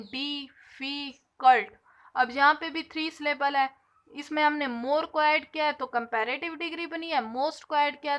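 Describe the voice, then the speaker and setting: A woman teaching an English grammar lesson, explaining patiently and slowly stretching out the example words. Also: sits high, a bit bright.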